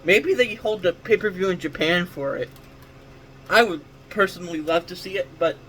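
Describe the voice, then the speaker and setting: A man's voice: high-pitched, fairly bright tone, a little hiss or hum, poor audio. A man hosting his own wrestling talk show, giving casual solo commentary in a rambling way, correcting himself and restarting his sentences. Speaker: wrestling podcast host.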